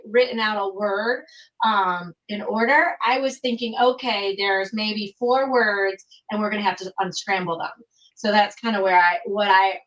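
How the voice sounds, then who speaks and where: Woman guest on a video call, slightly high voice, dull sound from off the mic; rambling, thinks out loud. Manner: thinking aloud in long run-on explanations. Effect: heard over a video call. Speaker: guest puzzle solver. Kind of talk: casual interview answers. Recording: muffled distant video call audio.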